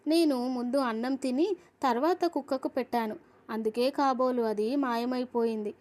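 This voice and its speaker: A woman's voice: high voice, moderate pace, a little mellow, natural voice. A woman voicing a poor, mistreated young boy in a storybook, speaking plaintively. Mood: sad.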